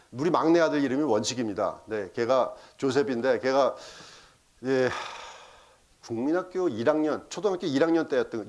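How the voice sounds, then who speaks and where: A man's voice: medium pitch, darkish tone. A middle-aged man preaching a sermon in a church, telling a story and acting out the voices of the people in it, with English phrases mixed in. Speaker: pastor.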